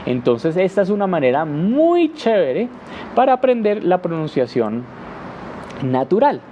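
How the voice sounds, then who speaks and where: A man with a warm, mellow voice answers learners' questions as an English teacher, talking through ideas with "eh" fillers and restarts. He demonstrates speech rhythm by chanting "ta ta ta". The recording is a little muffled, with faint street traffic behind him. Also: high voice, very animated, a little slow. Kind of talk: live Q&A lesson.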